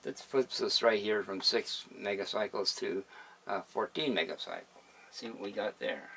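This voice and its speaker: An older man with a gravelly, lowish voice gives an unscripted, hesitant demonstration at normal speed, a hobbyist radio restorer explaining his set in plain terms. It's a noisy home video with background hiss.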